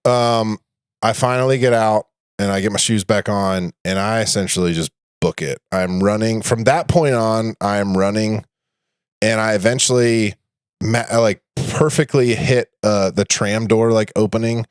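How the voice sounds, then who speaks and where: A man's voice: fairly low pitch, moderate pace, clean tone, no room sound, clean studio sound. A man co-hosting a podcast, telling a story in casual chat and acting out what he said along the way. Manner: animated, acts out his own lines in quotes. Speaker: podcast co-host.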